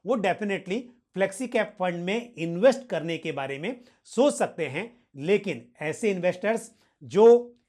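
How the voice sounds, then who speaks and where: A man's voice: sits high, darkish tone. A man hosting a financial question-and-answer session, explaining formally and politely, with English financial terms mixed in. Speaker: host answering viewer questions.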